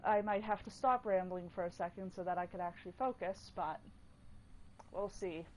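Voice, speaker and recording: Over game music, a gaming video creator chats aimlessly about her gameplay at a normal speed, her voice fairly low. She swears without restraint and breaks off in sudden, startled yelps, all captured in a low-quality recording with slight background noise.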